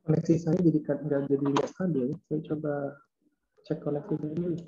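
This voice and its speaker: A man with a hoarse voice giving an online lab lecture, hesitating with many fillers and clearing his throat often. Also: a little high, steady tone, fairly quick, mellow. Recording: dull lo-fi online call audio.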